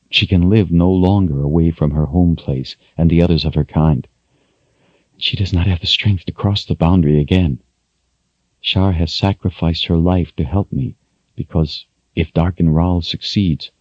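A man voicing a young woman who speaks calmly and formally, lifting his pitch a little. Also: breathy edge, no room sound, muffled recording. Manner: calm, formal. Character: steady, solemn young woman traveler.

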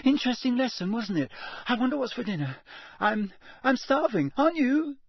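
High, flustered schoolboy Neville. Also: male voice, very animated, moderate pace, creaky, husky, no room sound, clean studio sound, heavily acted. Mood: anxious, falsely bright. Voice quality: unnaturally high. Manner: gabbling, flustered. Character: nervous, frightened schoolboy babbling in a high voice. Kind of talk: audiobook character voice.

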